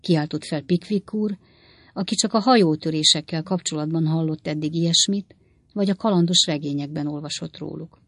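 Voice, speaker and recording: A woman narrating a novel aloud in a steady, measured storytelling manner. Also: sits low, no echo. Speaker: audiobook narrator.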